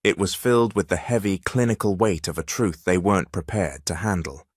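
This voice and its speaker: A man reading a dramatic story as narrator in a steady, measured way. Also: deep voice, slightly rough, no room sound, clean studio sound.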